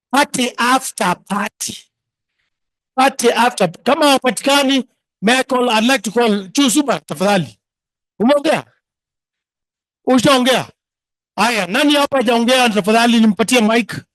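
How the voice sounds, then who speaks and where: A Kenyan man hosting an informal event through loudspeakers, playfully repeating his phrases and switching between English and Swahili. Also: very high voice, no room sound, low-quality recording. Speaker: master of ceremonies. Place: live reunion gathering with a microphone.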